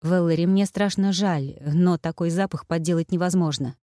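A woman reading as a gentle, sympathetic witch therapist. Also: on the low side, steady tone, normal speed, no room sound, studio quality, lightly acted. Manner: gentle, reasoning.

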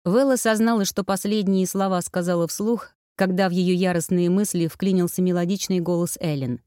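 A woman narrates a fantasy novel in a steady, even storytelling manner. Her voice sits on the low side for a woman, and it is recorded close and dry, with no room echo. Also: moderate pace, clear, resonant tone. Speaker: audiobook narrator. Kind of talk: scripted narration.

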